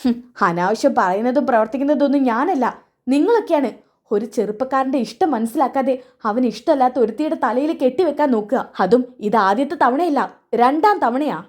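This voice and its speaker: A woman's voice: high-pitched, expressive, fairly quick, a little mellow. A woman voicing a bitter, defiant young man in a retold serial, in her own plain voice. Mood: resentful.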